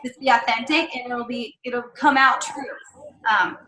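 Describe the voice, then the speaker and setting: A woman's voice: fairly high pitch, fairly even intonation, measured pace, sharp tone, roomy sound, low-quality recording. A woman giving chatty, encouraging sales training to her team, with lots of fillers and asides. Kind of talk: casual coaching talk.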